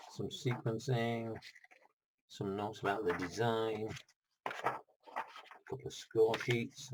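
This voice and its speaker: Deep-voiced chatty man. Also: noisy background. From United Kingdom. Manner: rambling, chatty, with asides. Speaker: board game vlogger. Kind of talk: casual unboxing vlog.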